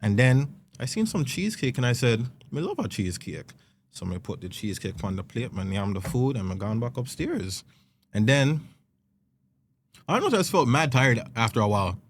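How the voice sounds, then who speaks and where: A man telling a story in casual chat, lively and acting out quotes, with slang and swearing. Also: mid-range voice, a little fast. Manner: animated, acts out quotes, swears freely. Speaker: guest musician. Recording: faint background noise.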